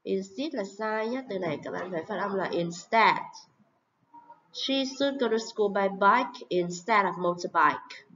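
A woman teaching English pronunciation, saying model words and example sentences slowly and carefully. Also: medium pitch, a bit bright, a little hiss or hum. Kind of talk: pronunciation lesson. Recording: dull lo-fi recording.

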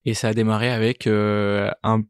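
Man in his thirties, halting. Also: on the low side, flat delivery, clear, resonant tone, no echo, studio quality. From Italy. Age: 30s. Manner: hesitant, many fillers and repeated words. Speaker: guest, startup co-founder. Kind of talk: casual interview answers.

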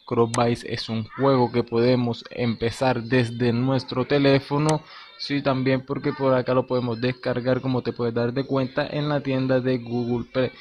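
A crypto game tutorial host, a man, narrates a screen recording, walking viewers through a game on screen in informal, slangy language. His medium-pitched voice is flat and a little mellow, moving at a moderate pace. The lo-fi recording sounds dull, with a faint hiss.

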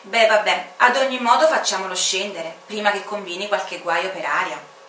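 A woman's voice: medium pitch, normal speed, a bit bright, reverberant, far from the mic, a little hiss or hum, close to an everyday voice. A woman voicing a stubborn, officious male airport commander who speaks in an indignant, bossy way. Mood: stern.

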